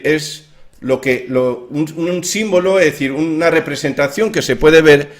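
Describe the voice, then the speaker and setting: A man explaining his own theory of language in an informal lecture, with many fillers and restarts. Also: on the high side.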